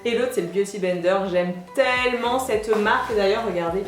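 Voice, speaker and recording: A young woman beauty vlogger chatting excitedly through a product unboxing, with lots of hesitations. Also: mid-range voice, moderate pace, over music. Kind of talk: casual product unboxing chat. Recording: echoey room.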